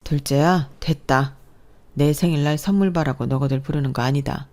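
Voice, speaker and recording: A woman voicing a calm older father-in-law in a storybook narration, speaking in a mild, mediating way. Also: low voice, normal speed, natural voice.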